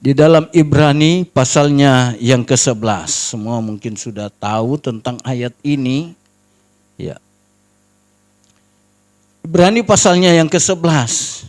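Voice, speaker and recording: A middle-aged man preaching a storytelling sermon as pastor at a church prayer service, earnestly addressing the congregation as brothers and sisters and dropping to a hushed tone at tense moments. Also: mid-range voice, slow, long pauses.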